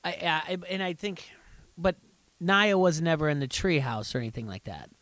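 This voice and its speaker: A middle-aged man co-hosting a casual reality TV recap podcast, rambling and restarting his sentences, getting animated as he recounts scenes. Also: fairly high pitch, normal speed, no room sound. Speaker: podcast co-host. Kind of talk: casual chat.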